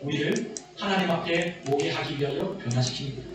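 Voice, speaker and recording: High-voiced preaching man, echoey far-off hall. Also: a little fast, background noise. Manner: earnest preaching, voice rising and falling with emphasis. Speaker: pastor. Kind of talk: sermon. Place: church sanctuary.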